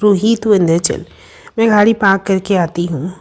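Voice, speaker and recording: A woman's voice: medium pitch, moderate pace, a little mellow, close to an everyday voice. A woman voicing a bold, teasing young woman who fusses over her friend. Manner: teasing, bossy and affectionate.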